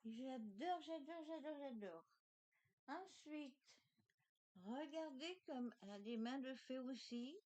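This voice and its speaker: A woman's voice: high voice, expressive, slow pace, a little mellow, pitched above the performer's own voice. A woman voicing a cheerful, childlike male toy companion who talks in a chirpy, adoring way.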